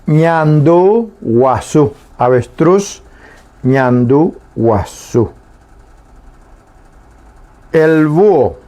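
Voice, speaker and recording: A man teaching a language lesson on the radio, saying each word slowly and repeating it twice with pauses. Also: a little high, expressive, warm tone. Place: radio studio.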